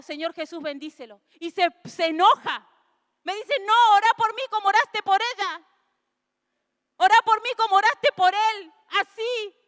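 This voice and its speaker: A woman pastor, preaching an earnest sermon that builds into emotional, tearful shouting. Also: extremely high pitch. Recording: long hall reverb.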